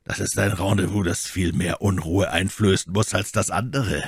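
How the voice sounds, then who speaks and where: A man reading the part of a grave, calm musketeer leader in a storybook reading, in a measured, serious manner. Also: low voice, breathy edge, dry recording, studio quality.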